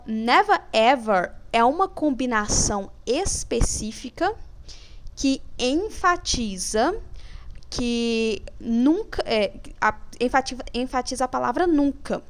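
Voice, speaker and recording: Slow, careful woman English teacher. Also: high voice. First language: Portuguese. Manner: slow, careful, reads examples deliberately. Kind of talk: explaining grammar exercises.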